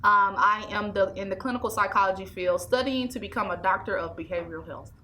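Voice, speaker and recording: Twenties, woman, bright tone, emphatic interview guest. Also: medium pitch, fairly quick, slight background noise. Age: 20s. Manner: emphatic and preachy, repeats phrases. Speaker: interview guest, anger management specialist. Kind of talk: casual interview talk. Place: small indoor studio set.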